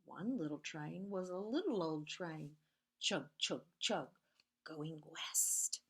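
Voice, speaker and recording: A woman reads picture books aloud to young children in a low voice with a breathy edge. She is expressive and sing-song, sometimes dropping to hushed, whispery repeated sound words, and pauses to point things out to her listeners.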